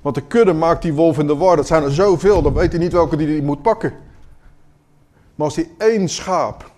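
A man's voice: on the high side, normal speed. Earnest man preaching a sermon. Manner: earnest, questioning, swings between quiet and emphatic.

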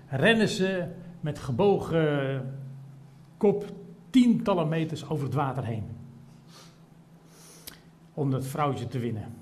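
A middle-aged man from the preaching a sermon in church and reading from the Bible. He goes from soft, measured talk to loud, emphatic preaching and repeats phrases for emphasis. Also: on the high side, a little hiss or hum. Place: church service, also streamed to people at home.

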